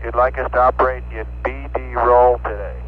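A man's voice: mid-range voice, level tone, a little fast. A man, an astronaut, giving terse, clipped status reports to mission control over a crackly spacecraft radio link. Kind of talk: air-to-ground radio communication. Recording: muffled radio link with faint static.

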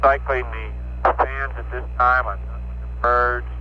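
A man's voice: medium pitch, level tone, slow. A man, an astronaut, giving terse, clipped status reports to mission control over a crackly spacecraft radio link. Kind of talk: air-to-ground radio communication. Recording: muffled radio link with faint static.

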